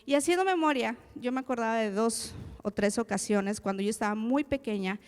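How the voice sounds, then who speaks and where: A woman's voice: on the high side, a little fast, smooth. A woman preaching a sermon in a conversational way, often asking her listeners direct questions. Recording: long reverb of a large hall.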